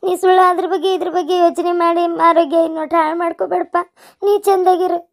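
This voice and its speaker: A woman doing a high, caring cartoon child. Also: fairly even intonation, fast talker. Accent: North Karnataka Kannada. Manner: gentle, caring advice. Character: caring grown child leaving home.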